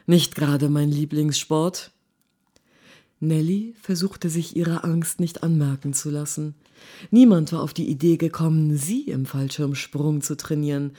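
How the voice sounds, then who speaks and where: Woman author reading with a low voice. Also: moderate pace. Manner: lively, expressive reading. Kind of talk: author reading from her novel. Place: live stage event.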